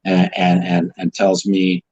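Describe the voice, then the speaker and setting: A man's voice: deep voice, monotone, slow pace, darkish tone, slightly rough, lo-fi sound. A man being interviewed as a guest, talking in a heated, emphatic way, swearing often and restarting his sentences. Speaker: guest, professional poker player. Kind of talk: casual interview.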